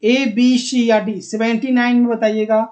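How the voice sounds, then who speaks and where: A man's voice: very high-pitched, level tone, normal speed, a little mellow. A man with a Bihari Hindi accent teaching an exam-prep lesson online, repeating words and coaxing students with questions.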